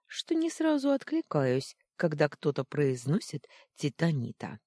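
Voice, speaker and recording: A storyteller voicing a kind, gentle aunt who talks soothingly in an audiobook. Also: medium pitch, huge pitch swings, unhurried, no room sound, studio quality. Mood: amused.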